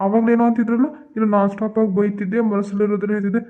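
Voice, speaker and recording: Guy doing a sarcastic cartoon boss, north karnataka accent, high voice, tinny phone-like sound. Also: level tone, rapid-fire, natural voice. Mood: scolding. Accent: North Karnataka Kannada. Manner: sarcastic scolding. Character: stern sarcastic male office boss.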